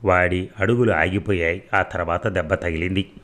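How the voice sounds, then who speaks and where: A frightened blind old beggar, pleading and anxious, as a man reads him. He sounds very deep and low. The reading comes from an audio novel. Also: steady tone, moderate pace, fairly bright tone.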